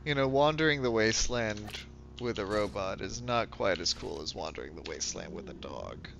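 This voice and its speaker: Congested and losing his voice, a man streams a game and talks in a low-key, rambling, self-mocking manner. He speaks expressively at a moderate pace with vocal fry. The recording is dull and lo-fi, with music and background noise behind him.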